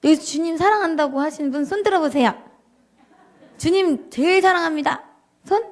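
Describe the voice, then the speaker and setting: A woman giving an emotional, animated church testimony to a congregation, acting out her prayers and joking with the audience. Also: high-pitched, normal speed. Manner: addresses the audience directly and jokingly. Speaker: guest speaker giving a personal testimony.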